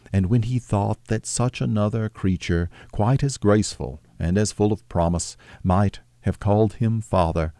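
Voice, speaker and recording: A man with a deep, dark, mellow voice reads a classic story aloud in a measured, steady way. The recording is close and dry, with no room sound at all. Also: dry recording. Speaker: audiobook narrator. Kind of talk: scripted narration of a classic novel.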